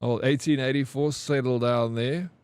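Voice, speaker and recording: A man's voice: mid-range voice, steady tone, moderate pace, a little mellow, clear, resonant tone. A man in his forties chatting casually with his live-stream chat, joking and answering comments. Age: 40s. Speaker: game streamer.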